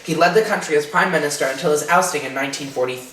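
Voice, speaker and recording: A man's voice: fairly high pitch, very fast, a bit bright. Teenage boy co-hosting, echoey. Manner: casual, joking. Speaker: co-host. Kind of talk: school video countdown presentation. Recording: echoey room, mic far off.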